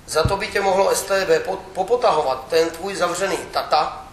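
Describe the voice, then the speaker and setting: A reader voicing a sly village party official who passes on a hushed, confiding warning. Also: male voice, sits high, reverberant, slight background noise.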